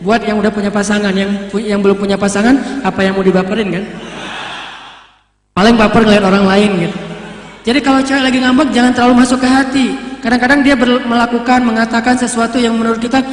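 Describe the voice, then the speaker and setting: A man's voice: very high voice, fairly even intonation, fast talker. A man giving a casual youth sermon, telling stories in a playful way and acting out the dialogue in different voices. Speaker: preacher. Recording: echoey hall.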